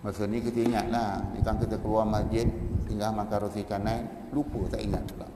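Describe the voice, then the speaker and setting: A man's voice: fairly low pitch, flat delivery, brisk. A man with a Malaysian Malay accent giving a dawn lecture in a mosque, pleading and fervent when leading prayers. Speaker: preacher. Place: large mosque hall. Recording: echoey mosque hall recording with background noise.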